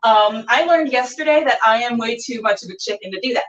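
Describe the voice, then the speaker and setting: Cooking indoors on a live stream, this cooking show host chats to the camera in a casual, playful way, wandering off on tangents and talking to herself. Her voice sits on the high side, fairly bright, animated and a touch quick. The camera picks her up from a distance, so the sound is dull and roomy.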